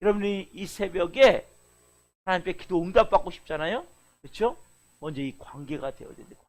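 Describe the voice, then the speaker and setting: A man's voice: sits high, fairly quick. A middle-aged male pastor preaching a dawn sermon, asking rhetorical questions and repeating key words for emphasis.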